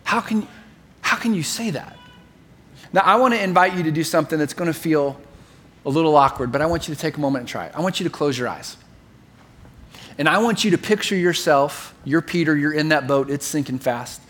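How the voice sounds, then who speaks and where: Animated preaching man, slightly high voice. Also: a little fast. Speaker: pastor. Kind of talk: sermon.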